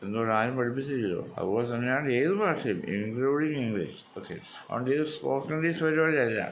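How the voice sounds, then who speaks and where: A man's voice: medium pitch, lively intonation, fast, slight background noise. A man with a Malayali accent teaching a spoken English lesson, explaining step by step and repeating words with exaggerated stress.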